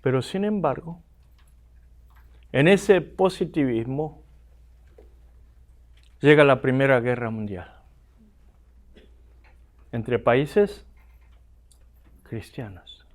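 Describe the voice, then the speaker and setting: A seminary lecturer, an Argentine man with a matching accent, drags out his words and leaves long pauses while lecturing a class. His pitch sits in the middle range, and he often asks the students rhetorical questions.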